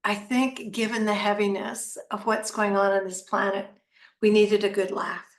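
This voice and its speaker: A woman leading a guided meditation talk in a soothing, unhurried manner with long pauses. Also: medium pitch, level tone, reverberant.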